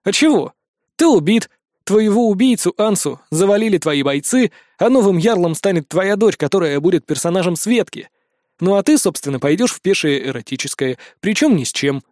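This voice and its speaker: A man's voice: sits high, expressive, moderate pace, darkish tone, no room sound, clean studio sound. Man playing a blunt, slangy gamer friend. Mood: lecturing. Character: brash, laid-back male gamer friend.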